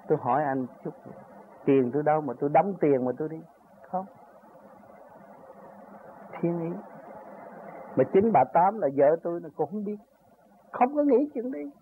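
An older man with a high-pitched voice gives a rambling spiritual talk about his own path, pushing up into emphatic peaks. The recording is tinny and narrow, like a phone line, with a faint hiss underneath.

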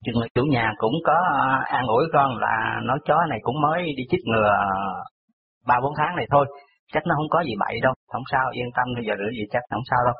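His voice mid-range, husky and marked by vocal fry, a man with a Southern Vietnamese accent speaks fast as a radio show caller. He rambles through a personal story full of detail, heard through a tinny phone line.

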